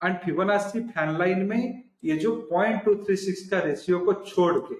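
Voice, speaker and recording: High-voiced man teaching in an echoey room. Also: normal speed. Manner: explanatory, repeats and restates points. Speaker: trading instructor. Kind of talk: recorded online lesson.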